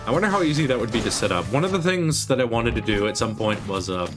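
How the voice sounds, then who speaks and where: A man's voice: medium pitch, expressive, quick pace. A man chatting casually on a live game stream as a VTuber, joking and rambling as he answers viewers. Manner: joking, rambling, self-deprecating, casually profane. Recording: loud game music behind the voice. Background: video game music.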